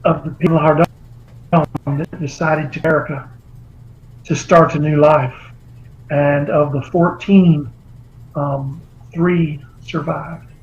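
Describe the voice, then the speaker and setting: A man's voice: on the high side, darkish tone, highs cut off. A man, an author being interviewed over a video call, telling long rambling anecdotes. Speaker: author guest. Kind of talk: remote interview.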